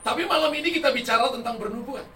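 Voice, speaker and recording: A man preaching a sermon as a pastor, emphatic and rising loud on key words, and telling stories with quoted dialogue. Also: very high-pitched, rapid-fire, slight background noise. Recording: echoey hall, voice from far off the mic.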